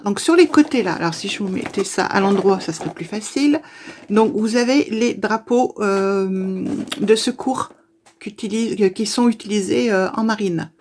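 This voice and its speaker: A woman of ordinary pitch talks casually to her viewers while unboxing. She hesitates often and fills the gaps with fillers. She stumbles over words and goes back to correct herself. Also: darkish tone. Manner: chatty, hesitant, many fillers and restarts. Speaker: YouTuber opening advent calendars. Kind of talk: casual unboxing chat to camera.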